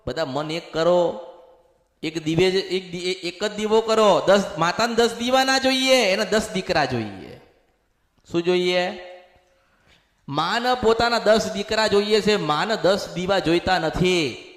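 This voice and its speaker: A man's voice: high voice, lively intonation, measured pace, fairly bright tone. A man acting as a spiritual medium, preaching in a possession sermon and speaking as a goddess in the first person, with lots of repetition. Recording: echoey hall with long reverb.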